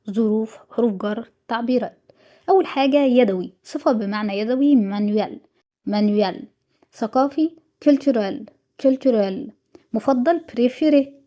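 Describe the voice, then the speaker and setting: A woman's voice: fairly high pitch, dark tone. An Egyptian woman teaching French vocabulary in a review lesson, patient and repetitive, saying each word twice. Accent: Egyptian Arabic.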